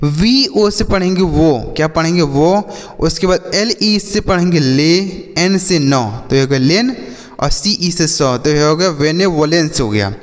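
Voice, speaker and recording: A man's voice: a little high, lively intonation, measured pace. Man teaching English spelling in a hall. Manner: repeats questions and answers, addresses children directly. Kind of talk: spelling lesson for children.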